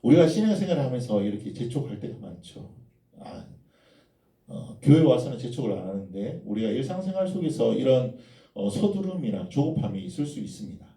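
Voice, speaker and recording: Guy preaching, tells stories to the congregation, voice swings all over, dark mellow tone. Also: mid-range voice, sing-song, brisk, far from the mic. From Gyeongsang, South Korea. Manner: storytelling, addressing the congregation. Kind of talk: sermon. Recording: echoey church hall from afar.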